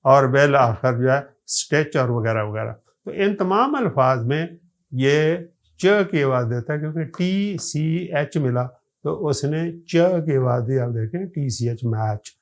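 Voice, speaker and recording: A man's voice: medium pitch, expressive. Man teaching English spelling rules. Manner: explains slowly, lists example words one by one. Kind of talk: recorded classroom lecture.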